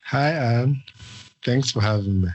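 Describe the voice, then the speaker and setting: A young man from Zambia, a guest in an interview, talking in a relaxed, hesitant way with many fillers. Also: mid-range voice, a little slow, dry recording, muffled recording. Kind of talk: casual interview talk.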